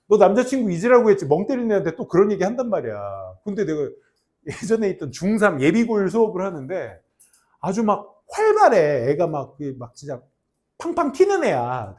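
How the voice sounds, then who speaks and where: A man teaching an English class to high school students, mixing grammar explanations with jokes and teasing. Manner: animated, jokey, teasing students between grammar points. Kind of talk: classroom lecture with banter.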